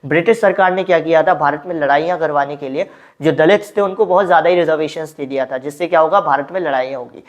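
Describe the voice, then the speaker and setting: Low-voiced woman teaching history. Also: fast talker. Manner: explains with frequent rhetorical questions. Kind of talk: exam-prep history lesson.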